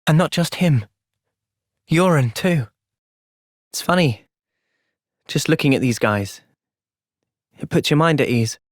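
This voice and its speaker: For a video game cutscene, a man with an English accent voices an earnest, thoughtful young soldier hero, sincere and measured yet animated. His voice sits on the high side and sounds calm, captured at studio quality with no room sound.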